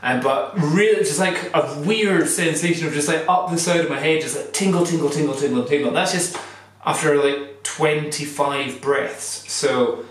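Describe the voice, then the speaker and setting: A man's voice: fairly high pitch, moderate pace, few pauses. A man talking casually to camera in a vlog, rambling and thinking aloud. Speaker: vlogger doing a cold-water challenge. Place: echoey indoor room with hard surfaces. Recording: very echoey room, distant mic.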